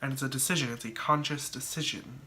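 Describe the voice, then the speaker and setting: Stuffy-nosed guy rambling to his camera, bright tense tone, lots of likes and ums. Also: medium pitch, fairly even intonation, fast. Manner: chatty, thinking aloud with many likes and ums. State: congested. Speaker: vlogger. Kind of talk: casual solo talk to camera.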